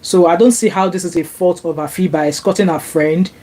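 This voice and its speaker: A Nigerian woman whose first language is Yoruba reads viewer comments on a live stream from her home in sunny Glasgow, using a laptop mic. Her voice is on the low side, mellow and steady, a little fast. She chats casually with many fillers and restarts, and her voice rises when she gets indignant.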